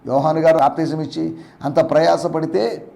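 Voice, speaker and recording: A male pastor preaching a sermon, with emphatic rises and soft drops, and English phrases mixed in. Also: fairly high pitch, fairly even intonation, normal speed, vocal fry.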